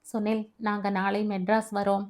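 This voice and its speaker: A woman's voice: mid-range voice, little pitch movement, normal speed, darkish tone, close to an everyday voice. A woman voicing a repentant young daughter. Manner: wistful, repentant confiding. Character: young pregnant woman, repentant daughter longing for her mother.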